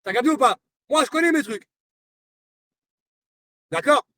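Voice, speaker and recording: A man's voice: very high-pitched, lively intonation, a little slow, bright, forceful tone, no echo, recorded from a distance. A man livestreaming a heated, confrontational rant, taunting his target and repeating his points. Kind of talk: heated live-stream rant.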